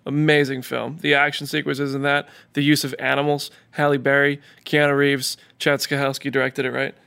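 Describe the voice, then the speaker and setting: A man's voice: mid-range voice, level tone, moderate pace, creaky, pushed and bright, smooth. A man co-hosting a casual chat show, talking animatedly and getting worked up and indignant. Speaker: podcast co-host. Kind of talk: casual chat, raves and rants.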